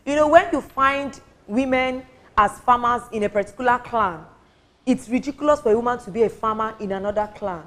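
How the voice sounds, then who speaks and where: A Nigerian woman speaking on a studio panel, earnest and lecturing, who drives her points home by repeating them. Her voice sits a little high for a woman. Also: brisk. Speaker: women's advocate, panel guest. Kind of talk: studio talk show discussion.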